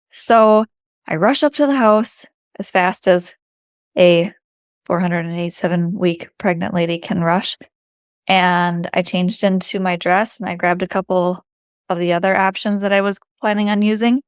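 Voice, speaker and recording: A middle-aged woman speaks with an Upper Michigan Yooper accent at an average pitch. She tells a personal story in an informal, chatty manner, leaning on words for emphasis. The sound is dry, with very little room echo. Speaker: vlogger.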